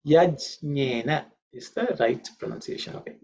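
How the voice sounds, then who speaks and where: A man's voice: fairly high pitch, animated, moderate pace, gravelly, darkish tone, breathy edge. A man teaching a Sanskrit class online, patiently repeating each word's pronunciation and explaining its meaning. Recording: dull lo-fi audio.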